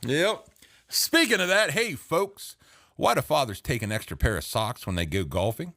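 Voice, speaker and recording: Bright, lively middle-aged man hosting a podcast. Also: medium pitch, moderate pace. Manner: jokey, rambling, laughs at his own jokes. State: tired, running on energy drinks. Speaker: podcast host. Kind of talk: casual late-night chat with corny jokes. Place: home basement studio.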